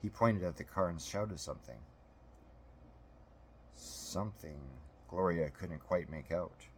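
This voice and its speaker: A man narrating an audiobook in a steady, measured storytelling manner. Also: low-pitched, a little hiss or hum.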